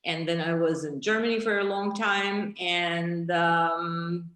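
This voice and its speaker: A woman from Turkey, a wine educator, talking in a lively way on a video call with a few fillers. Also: fairly low pitch, takes it slowly. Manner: lively, laughs easily, some fillers. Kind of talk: casual video call introduction. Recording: echoey room on a video call.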